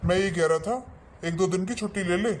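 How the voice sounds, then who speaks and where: Skit figure: mid-pitched voice as a grumbly older father-in-law, easygoing, faint hiss. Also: brisk, close to an everyday voice. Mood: coaxing. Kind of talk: family comedy skit.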